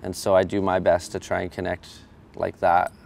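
Deep gravelly man, flat delivery. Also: moderate pace, slight background noise. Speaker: hip hop artist. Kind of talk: interview talk. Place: outdoor steps. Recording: music bed under the voice. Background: music.

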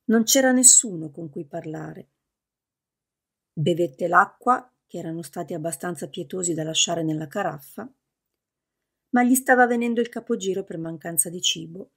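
A woman reads a novel aloud as an audiobook, steady and measured. Her voice is lower than most women's, with a husky, slightly breathy texture. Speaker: audiobook narrator. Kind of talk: scripted audiobook narration.

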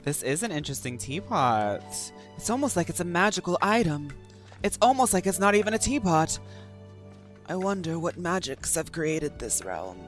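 A woman's voice: on the low side, very animated, normal speed. A woman giving casual, theatrical game commentary, full of playful jokey asides. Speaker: game streamer. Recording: game music behind the voice.

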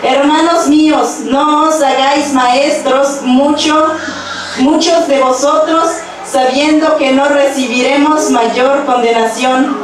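A young woman preaching a sermon at a church pulpit with a handheld mic, reading scripture verses aloud in a steady, measured way. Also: high-pitched, background noise. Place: church stage with pulpit and instruments. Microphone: handheld microphone. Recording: very echoey church hall, from far off.

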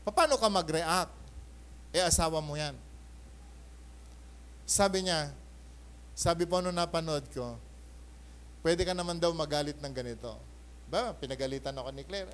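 In church, a male pastor preaches his Sunday sermon in a blend of Tagalog and English, animated and often calling for an amen. He alternates loud bursts with soft asides. His voice is on the high side, at a normal speed with frequent pauses.

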